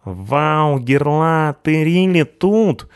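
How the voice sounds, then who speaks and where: A man's voice: a little high, lively intonation, a little slow, dry recording, clean studio sound, pitched above the performer's own voice. A man doing a gushing young punk guy. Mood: excited gushing. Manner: slangy, breathless gushing. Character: excitable young male punk, slangy.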